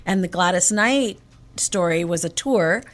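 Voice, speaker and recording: On the low side and measured in pace, this woman is a jazz singer who grew up in Egypt. Guesting on a casual radio interview, she animatedly tells stories, performs quotes, and stumbles over her openings by repeating words.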